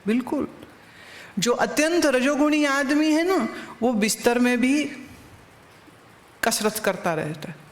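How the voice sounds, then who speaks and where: A woman's voice: high-pitched, expressive, slow pace, long pauses. Woman teacher in an echoing hall. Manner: anecdotal teaching with rhetorical questions. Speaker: spiritual teacher. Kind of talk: satsang discourse.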